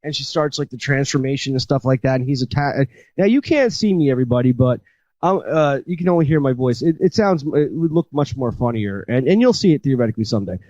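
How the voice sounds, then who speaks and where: A man's voice: mid-range voice, animated, quick pace, mellow, no room sound. Rambling man retelling a movie, lo-fi. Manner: rambling storytelling with many fillers and restarts. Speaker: podcast host. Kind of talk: casual chat.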